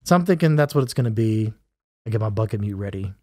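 A man guest on a podcast, telling a casual story with animated delivery, acting out other people's lines and scatting melodies. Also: fairly low pitch, fast, dry recording, studio quality. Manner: animated, acts out quotes and scats melodies. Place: podcast recording.

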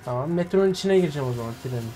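A man talks through a game live as a streamer, narrating each move for his viewers. He gets excitable, swears freely and shouts at the action. A steady hiss of background noise sits under his voice. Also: a little high, racing. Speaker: gaming streamer. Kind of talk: live gameplay commentary.

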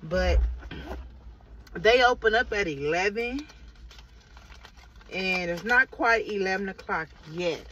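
A woman's voice: medium pitch, expressive, slow pace, long pauses, fairly bright tone, far from the mic. A middle-aged woman with a Midwestern American accent, chatting to viewers in a rambling, casual vlog. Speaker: vlogger. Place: inside a parked car. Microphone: phone held at arm's length. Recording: muffled phone audio with light car noise.

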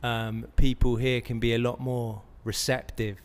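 A podcast host with a mid-range, level, clean voice asks casual, filler-heavy interview questions at a slightly slow pace. He speaks into a stand mic indoors in a large, bright studio, and the sound has a long reverb tail.

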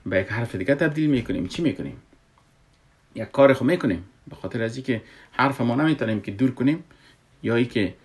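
A man's voice: mid-range voice, darkish tone. A man teaching recitation rules patiently, repeating himself and asking rhetorical questions. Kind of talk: explaining a lesson.

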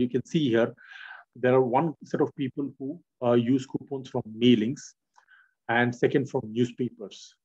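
Mellow husky man teaching software. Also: medium pitch, muffled recording. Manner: steady explaining, frequent "uh" and "right?" checks. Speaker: software tutorial instructor. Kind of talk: screen-recorded software lesson.

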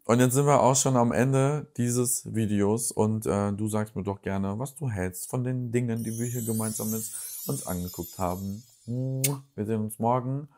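A man's voice: on the low side, moderate pace, hardly any pauses, a little mellow, slight background noise. A young German man casually recapping reality-TV gossip and animatedly retelling a personal story with quoted dialogue. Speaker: YouTuber recapping reality TV news.

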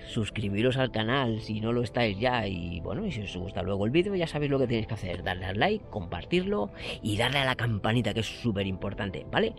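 A man in his forties hosting a fishing vlog, talking eagerly and exclaiming often, recorded outdoors by a lake on an action camera. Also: medium pitch. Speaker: fishing channel host. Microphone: action camera, close framing.

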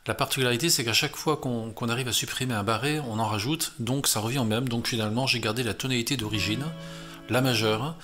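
French guy teaching guitar, counts the beats out loud, soft guitar in the back. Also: mid-range voice. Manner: patient, step-by-step, counting beats aloud. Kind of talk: guitar lesson explanation.

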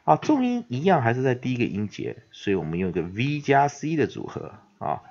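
A man with a Taiwanese Mandarin accent teaching an English phonics lesson, filling his talk with drawn-out sounds and repeating the example words slowly. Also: mid-range voice, big pitch swings, a little mellow. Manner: repetitive filler particles, drawn-out example words. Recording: dull lo-fi recording.

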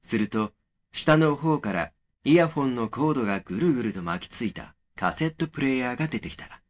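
Playing the young narrator of a horror audio drama, a man with a medium-pitched voice recalls unsettling memories of his own. His delivery is measured, brooding, and matter-of-fact, yet expressive and natural.

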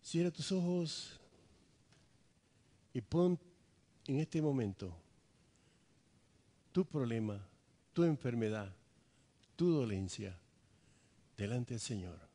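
A man's voice: mid-range voice, expressive, slow, pauses often, dark tone. A male pastor preaching an impassioned sermon in repetitive phrases, then leading a fervent prayer aloud.

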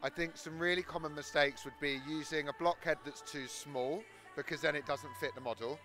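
A man's voice: fairly high pitch, steady tone, brisk, sharp tone, soft background music. A man in his thirties with a South London accent, explaining his work as a hairdresser in an interview on a handheld microphone in a large hall. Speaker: hairdresser demonstrating his technique. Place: large exhibition hall backstage.

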